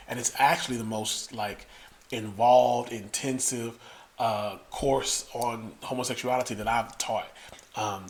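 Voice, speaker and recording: Pastor guy chatting on a podcast, mid-pitched, measured, lots of uhs. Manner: measured, explanatory, hesitant with uhs. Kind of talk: casual chat.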